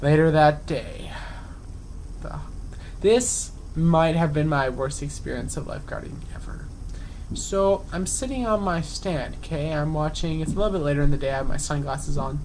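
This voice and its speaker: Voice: mid-range voice, normal speed, a little mellow, a little hiss or hum, rough recording. A young adult vlogger telling work stories at home in a casual, chatty way, full of fillers, acting out what other people said. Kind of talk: casual storytelling vlog.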